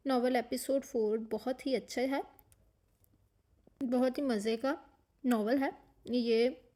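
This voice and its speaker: A woman with a sore, hoarse throat, chatting casually as a channel host while reading viewer comments, slipping English phrases into her speech. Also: on the high side, fairly even intonation, slow pace, mellow. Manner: talks while eating. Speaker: novel narrator and channel host.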